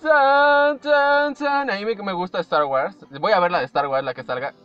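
A young man with a Mexican accent chats playfully through a reaction video, his voice sitting high. He hums and imitates little tunes between comments. The audio is muffled and lo-fi, with faint music underneath. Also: fairly quick.

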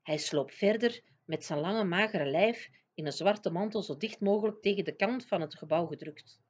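A woman teacher reading a children's book aloud in a lively storytelling manner. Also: on the low side, moderate pace, slightly rough. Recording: dull lo-fi recording.

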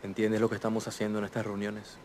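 An actor playing a calm, earnest revolutionary captain. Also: male voice, lowish voice, quick pace, a little hiss or hum, natural voice. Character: revolutionary captain, grave young man.

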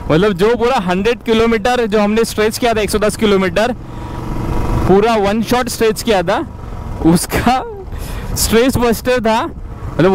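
A man's voice: high voice, a little hiss or hum, poor audio. A man riding a motorbike, vlogging as he chats with locals on a city street and urges viewers to subscribe. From India. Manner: chatty, upbeat, keeps urging viewers to subscribe. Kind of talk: casual vlog chat.

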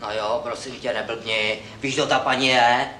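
An actor in a 1970s film comedy playing a flustered gatehouse porter struggling to hear on the phone. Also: male voice, mid-range voice, steady tone, pushed and bright, echoey room, a little hiss or hum, natural voice.

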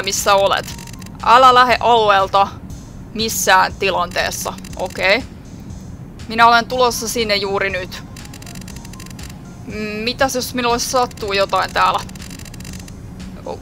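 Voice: mid-range voice, sharp tone. A gaming YouTuber reading a game detective's orders aloud in a plain voice.

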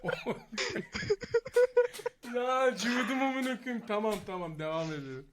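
Animated, high-pitched, foul-mouthed young man. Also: a little slow, background noise. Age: 20s. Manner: foul-mouthed, swears often; animated, joking. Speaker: streamer reacting to a video. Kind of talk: casual reaction commentary.

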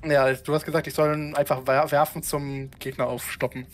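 A man's voice: on the high side, little pitch movement, fairly quick. A man chatting casually while playing a co-op video game. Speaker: gamer playing co-op. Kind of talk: casual gaming chat. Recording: loud game music behind the voice. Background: video game music and vehicle sounds.

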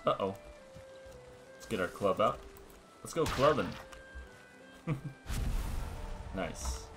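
A man hosting a let's-play, explaining game mechanics step by step in a relaxed, casual way. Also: on the low side, slow pace. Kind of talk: casual gameplay commentary. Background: background music.

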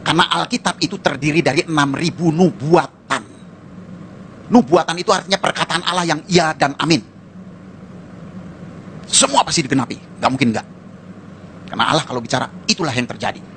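A man preaching a sermon to a congregation as pastor, in an animated, colloquial way with mocking asides. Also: a little high, fairly quick, long pauses, a little hiss or hum.

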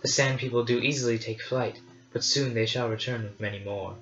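A man voicing a wise, gentle old hermit knight in measured verse. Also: medium pitch, fairly even intonation, slight background noise, lightly acted. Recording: roomy, slightly dull, faint music.

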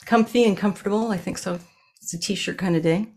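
Talking a little fast in a mid-range, slightly mellow voice, this sixty-something woman hosts her podcast on a video call, using her webcam at home in front of bookshelves. As an animal communicator, she chats in a casual, earnest way and gestures with her hands.

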